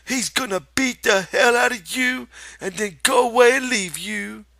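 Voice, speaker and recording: A man's voice: extremely high pitch, a little slow, creaky, bright, forceful tone, no room sound, voice pushed up, heavily acted. A man voicing a mean, scornful, foul-mouthed rabbit that jeers and scolds in a rural American accent. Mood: cruel taunting. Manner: jeering, scolding.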